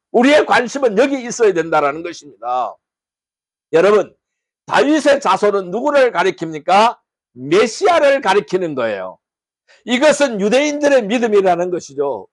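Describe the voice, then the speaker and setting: A man's voice: high-pitched, no echo. A man preaching a sermon as pastor, putting rhetorical questions to the congregation.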